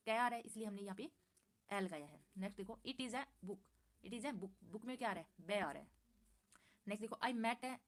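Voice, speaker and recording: A woman walks through a grammar lesson from slides. She repeats each point, answers her own questions and reads the English examples slowly and carefully. Her voice sits at an ordinary middle pitch. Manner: patient, repeats points and asks herself questions. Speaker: English teacher.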